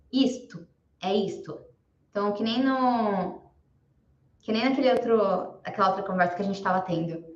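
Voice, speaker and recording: A woman's voice: fairly high pitch, fairly bright tone, echoey room, muffled recording. A young adult woman teaching English to beginners in a live online class, speaking patiently and repeating each word so students can follow. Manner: slow, patient drilling with repetition.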